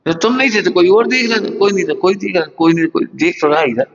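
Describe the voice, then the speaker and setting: High-pitched man preaching in a hall. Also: fast, creaky. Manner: plain-spoken, questioning listeners, homely examples. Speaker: Jain spiritual teacher. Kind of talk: sermon. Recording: dull lo-fi hall recording.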